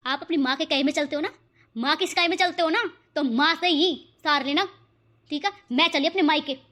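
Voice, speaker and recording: A woman voicing a quick-tempered young wife who scolds and shouts sarcastically in a cartoon. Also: high voice. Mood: angry. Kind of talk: cartoon voice acting.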